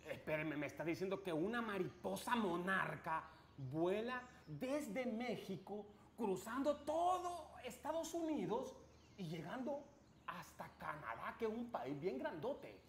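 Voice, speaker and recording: Man playing cheerful childlike kids show host, theatrical clown delivery, unhurried, roomy sound with slight noise. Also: high voice, big pitch swings, full character voice. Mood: amazed. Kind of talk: kids show host, animated story reading.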